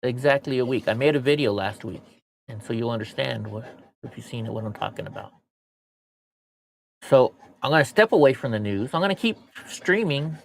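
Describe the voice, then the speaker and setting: Gravelly and medium-pitched, the man talks a little fast with lively intonation. He's an American streamer with missing front teeth, hosting a casual, profane monologue where he vents bluntly and curses as he rambles.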